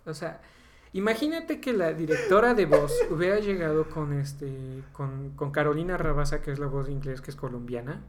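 A man's voice: fairly high pitch, moderate pace, hardly any pauses, noisy background. A man with a Mexican accent co-hosting a podcast, talking casually in an opinionated, emphatic, slangy way. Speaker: podcast co-host. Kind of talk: casual chat about voice dubbing.

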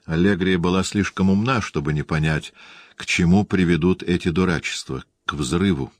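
Low-voiced guy reading a classic novel aloud, measured and even, dry booth sound. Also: no echo. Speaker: audiobook narrator. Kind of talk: scripted literary narration.

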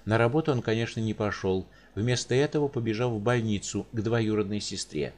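A man narrating an audiobook in an expressive storytelling manner. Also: lowish voice, a little fast.

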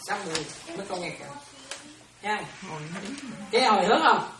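A woman's voice: mid-range voice, lively intonation, brisk, a crowd in the background. Woman teaching, echoey and distant. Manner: chatty, checks listeners often, laughs. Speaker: Buddhist nun teacher. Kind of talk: dharma talk to listeners. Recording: echoey room, distant mic, noisy.

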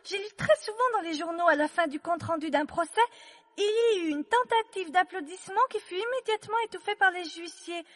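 A woman's voice: very high-pitched, a little fast, a bit bright, in a large hall. A woman playing a polite, curious young girl, earnest and well-mannered, in a storybook audio drama.

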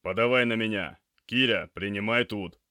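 A man playing a loud barking paramedic. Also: on the low side, takes it slowly, no room sound, clean studio sound. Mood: barking orders. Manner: commanding, clipped, shouted orders. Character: brisk loud male paramedic barking orders.

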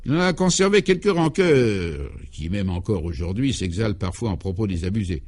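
A man narrating a comic radio serial in a droll, mock-solemn way, dropping his voice low on the punchlines. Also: sing-song, moderate pace, darkish tone.

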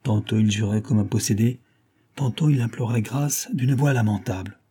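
A man narrating an adventure novel in a steady, even way as an audiobook reader. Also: on the low side, moderate pace, slightly rough. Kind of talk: scripted narration.

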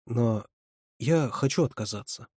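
A timid, unsure teenage boy, as a male reader voices him, speaking hesitantly and reluctantly. The voice is husky and close, in a storybook reading. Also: medium pitch, unhurried, a little mellow, no echo.

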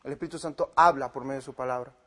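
A man's voice: medium pitch, fairly even intonation, rapid-fire, breathy edge. A man preaching, retelling an argument with another pastor and quoting both sides of the dialogue. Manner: retells a debate with quoted dialogue, swinging from loud to quiet. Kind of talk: sermon-style storytelling.

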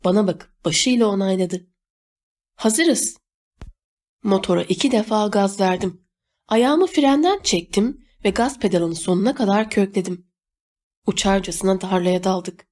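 Steady woman audiobook narrator, mid-pitched and even. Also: moderate pace. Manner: steady storytelling read. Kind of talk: scripted narration.

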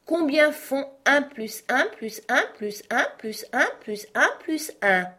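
A muddled, fussy storybook queen with a high, fluttering voice, wandering through her explanations, as a woman reading an audiobook puts her on. Her tone swoops widely and carries a slight huskiness. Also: expressive, takes it slowly, pushed and bright, full character voice.

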